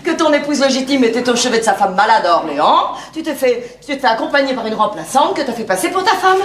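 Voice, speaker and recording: A woman's voice: a little high, lively intonation, natural voice. A woman playing a cool, cutting, haughty hostess. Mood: ironic. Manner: measured, cutting, drawn-out irony. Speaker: stage actor. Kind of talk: live stage farce. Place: theater stage with live audience. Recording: roomy theater with background noise.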